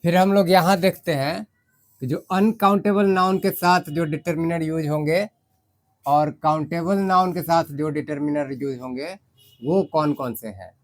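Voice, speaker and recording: Indian man teaching grammar, raised pitch. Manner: explains step by step, reads example sentences slowly. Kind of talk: grammar lesson in Hindi with English examples.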